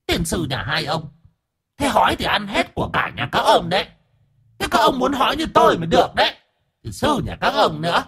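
Brief: a camp bald ghost, high breathy falsetto, lilt, whiny and sassy, storybook telling. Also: male voice, expressive, a little slow, long pauses, full character voice. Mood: sassy scolding. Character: camp, sharp-tongued bald male ghost, tearful.

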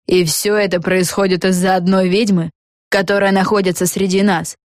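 A scheming witch ringleader addresses the crowd in slow, commanding, measured speeches, relishing her power, as a woman reads her. The pitch is mid-range, and the recording is close and dry. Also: flat delivery, dry recording, lightly acted. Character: scheming witch girl leader, gloating ringleader.

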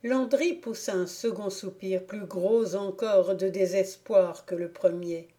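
A woman narrates a classic novel for an audiobook in a measured, even storytelling manner. She reads slowly, and her voice is mellow and warm. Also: mid-range voice. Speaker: audiobook reader.

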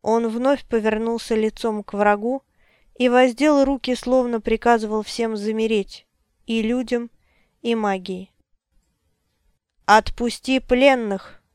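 Woman audiobook narrator, measured and dramatic; fairly high, smooth voice. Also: fairly even intonation, a little mellow, no room sound, clean studio sound.

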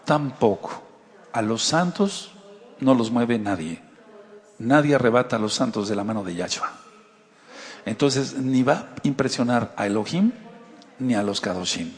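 A man's voice: mid-range voice, expressive, a little slow, pauses often, in a large hall. A man with a Mexican accent, giving a conversational sermon as a Torah teacher and asking his listeners rhetorical questions. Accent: Mexican Spanish.

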